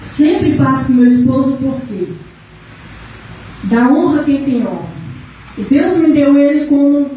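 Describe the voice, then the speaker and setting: Woman pastor, middle-aged, high voice, sing-song fervent sermon delivery, booming echo, faint hiss. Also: unhurried, pauses often, mellow. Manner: fervent, sing-song preaching with frequent hallelujahs. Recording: very echoey room, faint background noise.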